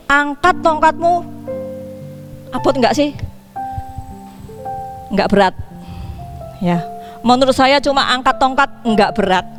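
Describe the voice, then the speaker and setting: A woman pastor preaching a sermon in a lively way, asking her congregation questions. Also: fairly high pitch. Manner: lively, asks the congregation questions, acts out dialogue. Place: church.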